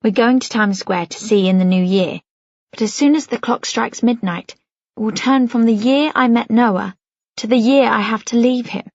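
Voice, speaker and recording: A woman reads a first-person novel in a measured, reflective voice. There is vocal fry in her tone and the sound is dry and a little dull. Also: on the high side, a little mellow, no echo. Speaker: audiobook narrator. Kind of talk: first-person audiobook narration.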